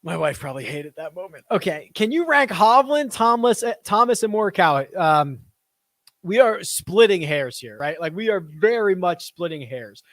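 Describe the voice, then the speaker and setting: A man's voice: high-pitched, big pitch swings, moderate pace, fairly bright tone, no room sound. A man hosting a casual live stream, reading viewer questions aloud and answering off the cuff at his desk.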